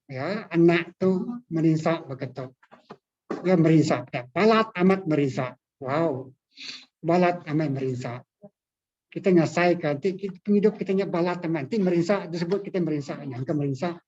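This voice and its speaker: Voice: mid-range voice, normal speed, a little mellow. Pastor teaching on a dull line. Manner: chatty, repeats key phrases, checks whether listeners follow. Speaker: pastor teaching a discipleship class. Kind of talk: Bible class teaching.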